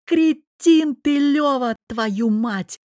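A woman voicing a proud, hurt young man who snaps and shouts, in an audiobook. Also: on the low side, normal speed, no echo, clean studio sound, lightly acted. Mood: shaken. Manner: agitated, snapping. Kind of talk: audiobook character voice.

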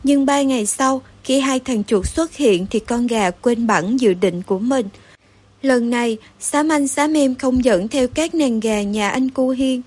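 A woman narrating a children's story aloud in a steady, expressive storytelling manner. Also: fairly high pitch, a little slow, husky, no room sound. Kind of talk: audiobook story reading.

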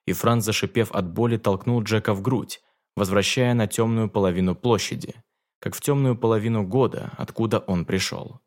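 A man narrating a fantasy audiobook in a measured, dramatic reading. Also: lowish voice.

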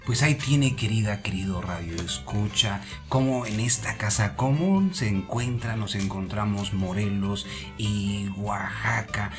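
A man hosting a radio show, addressing the listeners in a relaxed, friendly way as he introduces the next song. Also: lowish voice, measured pace. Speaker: radio host. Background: music bed.

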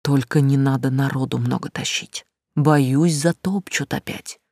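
A narrator voicing an old village watchman who talks slowly in a folksy, unhurried way. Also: medium pitch, fairly even intonation, darkish tone, no room sound, studio quality. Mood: calm. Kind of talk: audiobook character reading.

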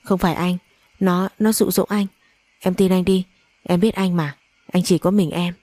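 Woman reader voicing a sly coaxing stepfather, low warm delivery. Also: steady tone, normal speed, no echo, close to an everyday voice. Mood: wheedling. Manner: wheedling.

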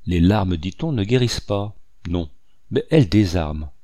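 Audiobook reader: man, low voice, measured and expressive, dry close recording. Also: dry recording. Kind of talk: reading a classic novel aloud.

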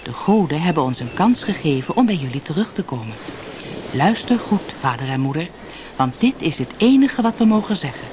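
A woman's voice: low-pitched, very animated, brisk, background noise. A woman reading the solemn message of a young man returned from the land of the gods in a fairy tale.

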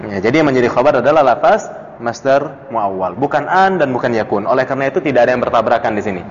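Talking fast, a man quizzes his study circle by name as he teaches a classical Arabic text, chuckling between points with animated pitch jumps. It sounds dull and lo-fi in a reverberant room, with slight background noise.

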